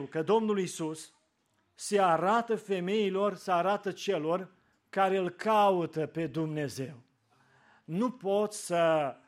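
A male preacher with a high voice delivers a sermon in church. He speaks with fervor, pushing some lines out loudly and sinking to soft, prayerful tones on others. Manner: fervent, rising and falling with emphasis.

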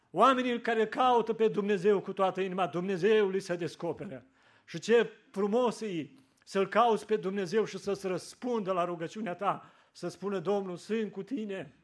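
A male preacher with a high voice delivers a sermon in church. He speaks with fervor, pushing some lines out loudly and sinking to soft, prayerful tones on others. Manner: fervent, rising and falling with emphasis.

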